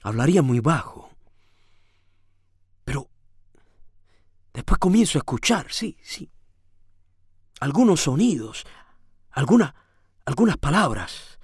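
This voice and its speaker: Male reader, high lively voice, dramatic novel reading, dry close sound. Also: moderate pace, breathy edge, no room sound. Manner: theatrical, swings from hushed to shouting. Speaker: audiobook reader.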